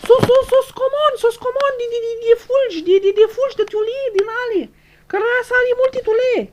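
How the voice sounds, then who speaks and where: A woman's voice: very high-pitched, a little mellow. A woman playing a giddy, tearful young reality-show winner who stutters, repeats syllables and keeps losing her words. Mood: flustered. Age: young adult. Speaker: interviewee. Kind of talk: comedic sketch acting.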